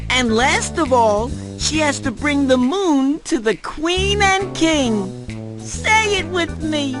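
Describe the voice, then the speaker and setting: A man's voice: very high-pitched, heavily acted. A man voicing a cheerful, eager talking map who guides players with chanting, instructive enthusiasm in a children's cartoon game.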